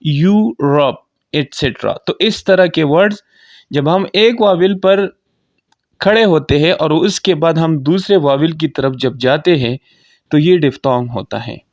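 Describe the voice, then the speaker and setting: Slow-spoken phonics teacher, a man. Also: a little high, no room sound, lo-fi sound. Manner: slow, deliberate, reads definitions and word lists aloud. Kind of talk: classroom explanation.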